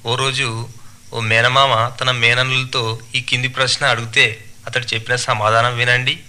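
A man telling a string of jokes in a lively, animated manner, switching into character voices. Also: medium pitch, moderate pace. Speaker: joke teller. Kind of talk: comic storytelling.

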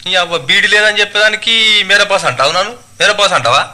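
A man voicing a quarrelsome village tailor, loud and indignant, with a Telangana Telugu accent. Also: sits high, fast, pitched above the performer's own voice.

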